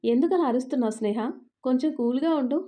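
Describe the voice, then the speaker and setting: A woman's voice: high voice, fast, natural voice. Woman voicing a touchy, proud young office guy. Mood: pleading. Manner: irritated, loud outbursts.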